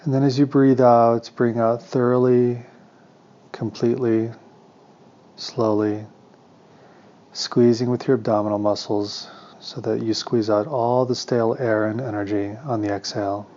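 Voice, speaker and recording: On a slightly muffled recording, a man in a mid-range voice guides a meditation as a teacher, his instructions calm, soothing and deliberate, separated by pauses.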